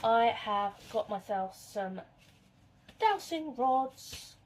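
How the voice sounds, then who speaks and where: Casual woman in her thirties, bright high voice, rambling spooked storyteller talking to camera. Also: lively intonation, very slow, slight background noise. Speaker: vlogger. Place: kitchen at home.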